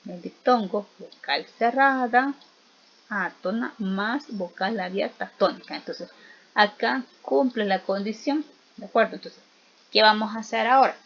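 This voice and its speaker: Woman teacher talking slow n patient, leans on each example word, kinda dull lo-fi sound. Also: mid-range voice, a bit bright. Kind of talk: recorded lesson. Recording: slightly dull lo-fi audio.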